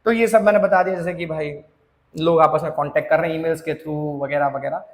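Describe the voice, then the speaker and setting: A man's voice: fairly high pitch, steady tone, a little fast, long reverb tail. A man teaching a school social science lesson, explaining in a chatty, informal way and mixing in English terms. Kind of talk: classroom lecture.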